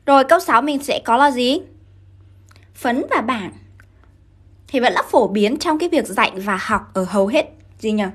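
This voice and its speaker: High-voiced Vietnamese woman teaching English. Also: lively intonation, breathy edge. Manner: brisk, keeps asking students to confirm. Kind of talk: live-streamed grammar lesson.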